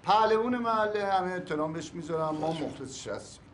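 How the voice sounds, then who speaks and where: A man's voice: sits high, lively intonation, a bit bright, a little hiss or hum. An actor playing a hot-tempered man who fawns, then turns angry and pushy over his inheritance. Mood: coaxing. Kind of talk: TV series acting.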